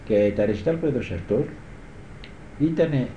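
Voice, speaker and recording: With a mid-range, dark-toned and expressive voice, this older guitar teacher recalls the past in a meandering, conversational style and frequently asks if his listeners are following. A little hiss or hum runs under the dull old tape, recorded in an echoey room.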